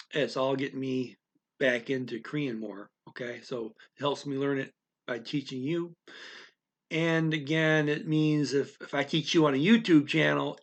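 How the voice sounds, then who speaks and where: Speaking directly to his student, this English-speaking teacher meanders through a relaxed language lesson, frequently starting over and tossing in "okay?" to check understanding. He has a medium-pitched, fairly bright voice.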